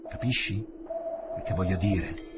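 A man's voice: low-pitched, slow, loud music behind the voice. A man reading the part of a condescending young English official, firm and dismissive.

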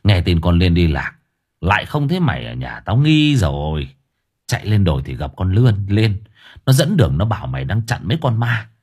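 A man voicing a stern, tired middle-aged uncle who scolds and explains gravely. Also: sits low, big pitch swings, darkish tone, voice pushed down, exaggerated voice. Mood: scolding. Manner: gruff, scolding, slow and grave.

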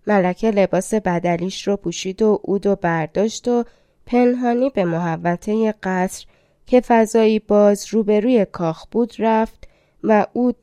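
A woman narrating a fairy-tale audiobook in an even, measured reading. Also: mid-range voice, dry recording, studio quality. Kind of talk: storybook narration.

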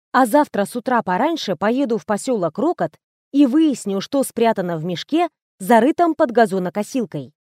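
High-voiced woman narrating a novel. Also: darkish tone, no echo, clean studio sound. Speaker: audiobook narrator. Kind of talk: first-person audiobook narration.

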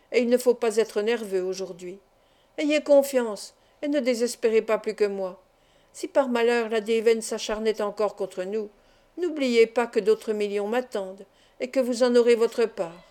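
A man's voice: very high-pitched, measured pace, a little mellow, smooth. A woman reading the part of an impudent, ironic male gambler who stays coolly confident, in a storybook narration. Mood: coaxing.

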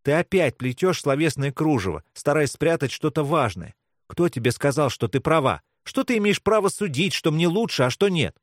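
A lifted, sing-song voice for a nosy teen girl who presses with blunt questions, as a male reader puts her on. Her pitch rises and falls widely, and the recording is dry and close. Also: sing-song, no echo. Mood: insistent. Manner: probing and blunt, at times slow and deliberate. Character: curious, pushy teenage girl, blunt questioner. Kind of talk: audiobook character voice.

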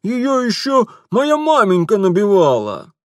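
A man's voice: wildly swooping pitch, unhurried, no room sound, clean studio sound, heavily acted. A man doing a squealing aggrieved shopkeeper. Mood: indignant. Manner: shrill, whiny, indignant. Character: squealing aggrieved middle-aged male shopkeeper.

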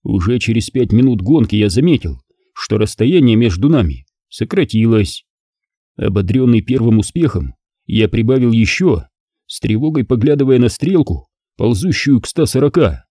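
Animated male audiobook narrator. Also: medium pitch, moderate pace, slightly rough, no echo, studio quality. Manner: expressive, animated reading. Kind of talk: scripted first-person narration.

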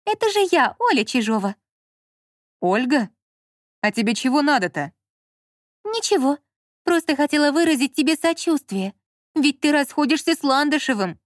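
A scheming young con woman with a high, lively voice, played by a woman reader, pushing her marks with theatrical flair in this storybook. The sound is dry and close. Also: normal speed, pauses often, dry recording. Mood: sugary. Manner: theatrical, switching between cold pressure and gushing. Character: sly young woman swindler on the phone.

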